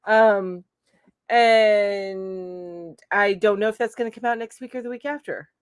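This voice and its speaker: A woman's voice: medium pitch, unhurried, clean tone, no echo, lo-fi sound. A middle-aged woman hosting a live chat stream from home, casually reading out viewer comments and responding with lots of fillers. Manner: chatty, reads comments aloud with frequent fillers. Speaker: crochet channel host.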